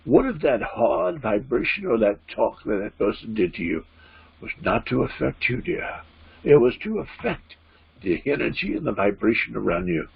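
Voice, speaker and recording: A solemn spirit teacher, channeled by a man in trance, speaks in deliberate, halting phrases. The voice is gravelly and breathy-rough, rising and falling widely as it offers gentle, formal guidance. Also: mid-range voice, very animated, full character voice. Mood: gentle, consoling. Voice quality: husky, creaky. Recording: dull, lo-fi sound.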